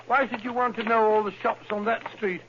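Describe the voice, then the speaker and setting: An actor playing Doctor Watson, a bluff, skeptical companion, in an old radio drama, with a blustering, grumbling manner. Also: male voice, high voice, steady tone, fairly quick. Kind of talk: 1940s radio acting. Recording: muffled old radio broadcast with hiss.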